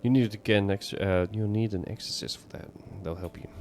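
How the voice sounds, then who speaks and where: A man's voice: fairly low pitch, a little fast, darkish tone, a little hiss or hum, natural voice. A man reading a shady male paranormal consultant in a video game, ominous then politely salesy. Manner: ominous warnings slipping into customer-service politeness.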